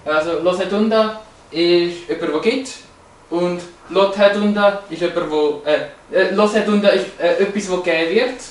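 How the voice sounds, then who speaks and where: A man's voice: high voice, moderate pace, hardly any pauses. A man explaining language features from slides, hesitant, with many fillers and restarts. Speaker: presenter. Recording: roomy, echoey, from a distance.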